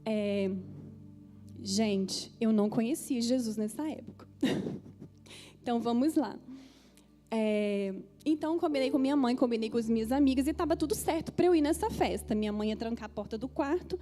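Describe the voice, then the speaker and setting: Woman pastor, Brazilian Portuguese accent, emotional testimony sermon, warm voice, faint music behind. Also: on the high side. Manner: emotional storytelling, addresses the congregation directly.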